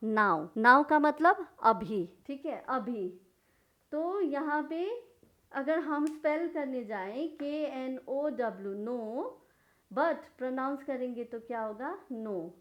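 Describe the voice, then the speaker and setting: A woman's voice: sits high, animated, slow pace, lo-fi sound. A woman teaching a lesson, spelling words letter by letter and answering her own questions. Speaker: English teacher. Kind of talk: slow explanatory lesson.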